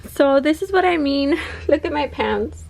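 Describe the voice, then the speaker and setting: A young woman vlogging casually from her bedroom, chatty and excited, out of breath. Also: high voice, a little slow, vocal fry. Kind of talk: casual vlog chat to camera. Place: bedroom at home.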